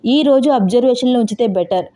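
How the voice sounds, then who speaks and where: A woman voicing a male doctor who explains slowly, mixing English phrases into his speech. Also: on the high side, mellow, voice pushed up, natural voice. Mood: explaining. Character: calm male hospital doctor, measured.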